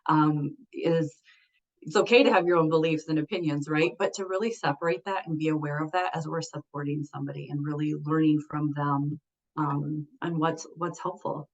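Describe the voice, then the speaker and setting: A woman's voice: low-pitched, steady tone, moderate pace. A woman mental health clinician answering a question on a panel in a thoughtful, earnest way. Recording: muffled lo-fi recording.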